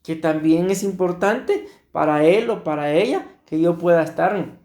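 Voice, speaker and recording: A man's voice: on the high side, unhurried, a little mellow, roomy sound. A male pastor from Costa Rica preaching a sermon to his congregation, often addressing them as beloved brothers and punctuating points with amen. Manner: repeats "mis amados hermanos" and "amén" often. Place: church.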